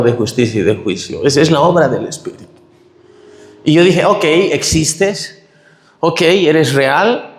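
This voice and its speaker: A middle-aged man preaching a tearful, animated testimony sermon in a church hall. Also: medium pitch. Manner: emotional, tearful, animated storytelling. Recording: echoey hall reverb.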